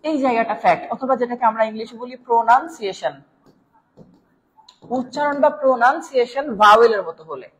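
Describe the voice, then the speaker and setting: A woman with a Bangladeshi Bengali accent gives a live online grammar lesson in a fairly high voice. She explains patiently, step by step, checking in with her listeners as she goes. A long reverb trails each phrase. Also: fast talker. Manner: explanatory, checks in with "right?", addresses viewers as "sir". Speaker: English grammar teacher.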